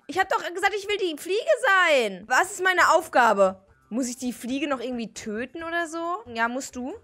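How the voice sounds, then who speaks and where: A young woman narrates her gameplay for her stream in a high, lively voice that leaps up and down. She exclaims and shrieks at what happens on screen, and faint game music plays behind her. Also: normal speed. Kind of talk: gaming stream commentary.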